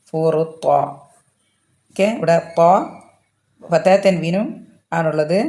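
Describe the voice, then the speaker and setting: ഖുർആൻ പാരായണ നിയമങ്ങൾ ക്ഷമയോടെ പഠിപ്പിക്കുന്ന ഒരു സ്ത്രീ, ഓരോ വാക്കും പതുക്കെ ഓതി ആവർത്തിക്കുന്നു. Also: female voice, low voice, gravelly, warm tone. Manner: slow and patient, recites each phrase then repeats it. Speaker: Quran recitation teacher. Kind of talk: explaining Quran recitation rules.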